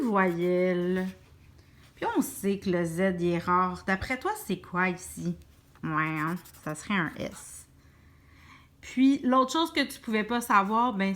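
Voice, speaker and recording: A woman teacher with a Québécois French accent, slowly talking children through a writing lesson and stretching out each syllable. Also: medium pitch, fairly bright tone. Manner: slow, stretched-out sounding of syllables.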